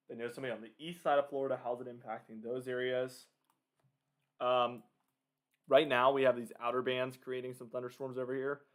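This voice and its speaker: Male livestream weather commentator, medium pitch, informal and off the cuff, addressing viewers directly. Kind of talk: casual live hurricane commentary.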